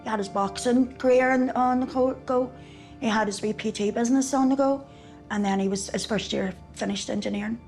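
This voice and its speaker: A middle-aged woman with a Northern Irish accent, a grieving mother speaking haltingly in a documentary interview. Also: fairly high pitch, steady tone, darkish tone. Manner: grieving, halting, repeats herself. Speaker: mother of a murder victim. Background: music.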